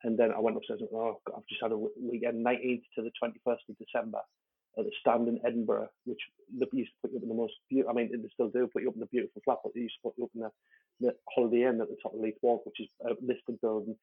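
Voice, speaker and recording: A man's voice: mid-range voice, flat delivery, fast talker, husky. A man, a comedian guest, telling a candid story in a rambling way, full of fillers and restarts, swearing and laughing as he talks. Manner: swears freely and laughs while talking. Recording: lo-fi phone-like audio.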